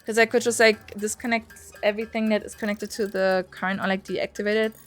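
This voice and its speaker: Talking fast in a flat, mid-range voice, a young female streamer rambles through casual gameplay commentary. She swears freely while chatting with her audience as faint music plays.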